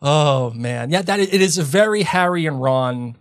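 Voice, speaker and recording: A man's voice: fairly high pitch, animated, moderate pace, no echo, clean studio sound. A man co-hosting a casual podcast chat, giving his opinions emphatically. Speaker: podcast co-host.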